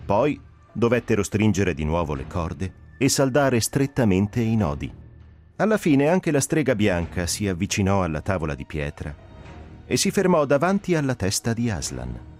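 A man narrating a dramatic audiobook reading, expressive and shaped by the drama. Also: on the low side, moderate pace, soft background music. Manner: expressive, rising and falling with the drama.

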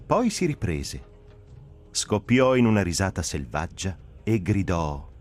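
Male audiobook narrator, low and very lively delivery, faint music bed. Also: measured pace. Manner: expressive, rising and falling with the drama. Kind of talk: dramatic audiobook reading.

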